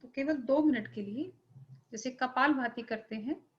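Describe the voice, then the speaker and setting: A woman meditation teacher giving calm, gentle guided meditation instructions. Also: high voice, measured pace, slight background noise. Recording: muffled lo-fi recording.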